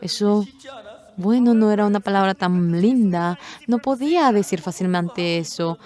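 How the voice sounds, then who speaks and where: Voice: mid-range voice, normal speed. A speaker interpreting a Bible sermon, telling the story expressively and acting out the quoted lines. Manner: expressive storytelling, acts out quotes and rooster calls.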